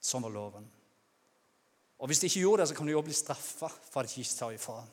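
A man's voice: medium pitch, lively intonation. Norwegian man preaching in a reverberant hall. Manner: conversational preaching, acts out shouted cries. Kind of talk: sermon.

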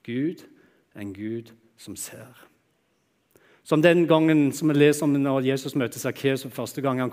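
In a sermon echoing with lengthy hall reverb, a man's expressive preaching rises into loud exclamations and then drops to soft, low murmurs.

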